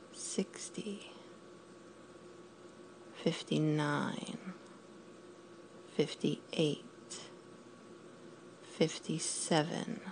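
In an intimate audio roleplay, a woman with a low, creaky voice speaks in a commanding, teasing way, frequently dropping to a whisper. She counts down slowly, with background noise audible.

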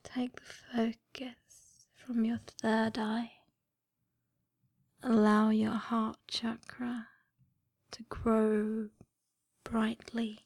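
Female performer as seductive, adoring dream woman; sultry whispered role-play, breathy, very unhurried, little variation in pitch. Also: flat delivery, a little mellow, no room sound, clean studio sound, exaggerated voice. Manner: sultry, slow, intimate narration.

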